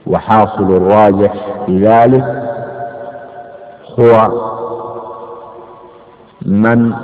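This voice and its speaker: Male scholar teaching a religious text, measured delivery, recorded in a long-reverb hall. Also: on the low side. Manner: slow and deliberate, stretching key words. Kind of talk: slow measured religious lecture. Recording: echoey hall on a tinny phone-like line.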